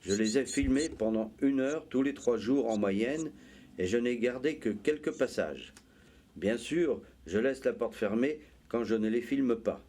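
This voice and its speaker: A man narrates in the manner of a nature documentary, at a medium pitch. He explains things in a measured way, like an amateur filmmaker presenting his own footage. There is faint noise in the recording. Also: lively intonation, mellow.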